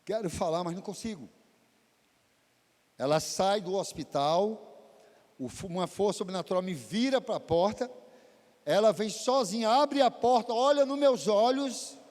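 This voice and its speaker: A man's voice: a little slow, long pauses, a little mellow, long reverb tail. A man preaching, telling a testimony in a dramatic, emotional way. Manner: emotional, dramatic storytelling with big pitch swings. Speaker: pastor. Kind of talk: sermon testimony. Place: church.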